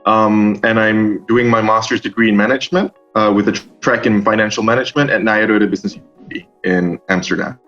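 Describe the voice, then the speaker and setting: A young man from Singapore, a master's student, answering interview questions in a halting way full of ums and restarts. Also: fairly low pitch, steady tone, a bit bright. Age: young adult. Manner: hesitant, many ums and restarts. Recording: dull lo-fi sound with faint music.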